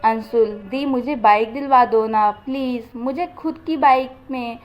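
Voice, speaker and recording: A woman's voice: a little high, unhurried, close to an everyday voice. A woman voicing a playful, teasing teenage younger brother, in a dull lo-fi recording.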